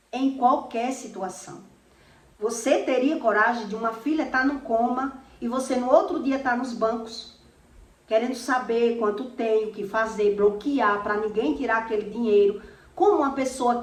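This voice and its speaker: A woman's voice: sits high, echoey room, distant mic, low-quality recording. A woman preaching a sermon in Portuguese, speaking emphatically and straight to the listener, often repeating her phrases. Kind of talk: spoken sermon.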